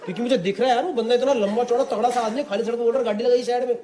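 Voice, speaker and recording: High-voiced male stand-up comic before a laughing crowd. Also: very fast. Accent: Delhi NCR Hindi. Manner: animated storytelling, mixing Hindi and English, acting out voices. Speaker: stand-up comedian. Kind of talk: stand-up comedy set. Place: live comedy venue with audience. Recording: echoey room, crowd laughter, background noise. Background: audience laughter.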